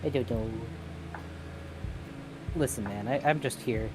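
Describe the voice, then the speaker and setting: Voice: mid-range voice, measured pace. A person in their late twenties hosting a crafting stream, chatting playfully and teasing their partner. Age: 20s. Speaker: streamer host. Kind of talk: casual chat while crafting. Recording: music playing underneath.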